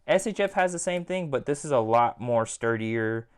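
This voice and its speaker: A man's voice: mid-range voice, animated, normal speed, clear, resonant tone. A man giving a casual, rambling toy review at home, leaning on filler words like "again" and "like". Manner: chatty, rambling, repeats "again" and "like".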